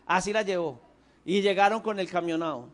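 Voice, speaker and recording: A man with a Colombian Paisa accent preaching a sermon, an animated storyteller who swings between emphatic and hushed delivery. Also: high-pitched, fairly quick. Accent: Colombian Paisa, Antioquia. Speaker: pastor.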